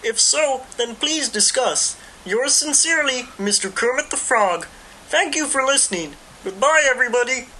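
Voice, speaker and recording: A woman's voice: high voice, lively intonation, normal speed, pushed and bright. A woman voicing a polite, earnest puppet frog, leaving a formal, courteous message on a noisy amateur recording. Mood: polite, cheery. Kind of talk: voicemail-style listener message.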